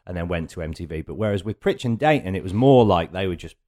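A man's voice: low voice, lively intonation, quick pace, mellow. A man with a British accent hosting a casual interview, chatting informally with his guest. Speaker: podcast host.

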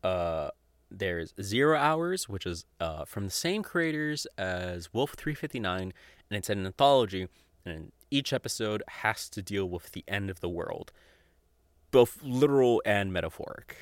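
Speaking a little slowly yet animatedly, a man with a fairly low voice hosts a podcast and casually rambles through audio drama picks. His talk is enthusiastic, full of swearing and chuckles. The recording is dry.

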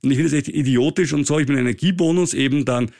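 A man's voice: medium pitch, rapid-fire, a little mellow, no echo, clean studio sound. A middle-aged man with an Austrian accent, co-hosting a finance podcast in casual, joking, ranting chat. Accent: Austrian German.

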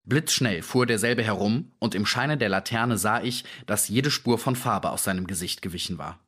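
A man reading an audiobook aloud with expressive storytelling. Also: on the low side, normal speed. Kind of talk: audiobook narration.

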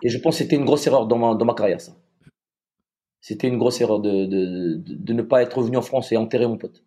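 Halting, dark-voiced man telling a story. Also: medium pitch. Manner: halting, with many repeated restarts. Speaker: soldier. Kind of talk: emotional personal storytelling.

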